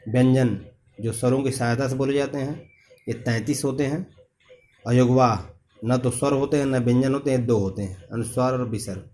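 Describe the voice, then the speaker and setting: A male teacher talking his pupils through a lesson at a mid pitch. He works through each point slowly and repeats key terms, pausing often as he goes. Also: a little mellow. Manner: slow, repetitive explaining with many pauses. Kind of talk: classroom lesson.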